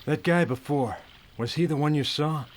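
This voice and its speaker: A man's voice: on the high side, normal speed, a little hiss or hum, natural voice. A man voicing a brash, whiny, tipsy young detective in an anime dub, casual and grumbling. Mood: puzzled.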